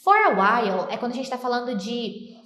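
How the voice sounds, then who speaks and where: Lively Brazilian woman teaching English. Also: fairly high pitch. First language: Portuguese. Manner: animated, playful, slow careful English examples. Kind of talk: lively bilingual English lesson. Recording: echoey room.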